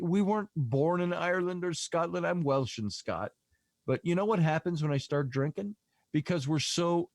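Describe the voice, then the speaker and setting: A man's voice: on the high side, a little mellow, dry recording, clean studio sound. A man hosting a podcast, telling long stories in a casual, rambling way with lots of fillers. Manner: rambling, filler-heavy storytelling. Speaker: podcast host. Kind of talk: casual storytelling chat.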